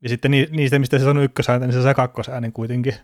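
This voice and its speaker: A man's voice: medium pitch, little pitch movement, no echo, clean studio sound. A man hosting a casual sports podcast, chatty and rambling, laughing now and then. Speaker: podcast host.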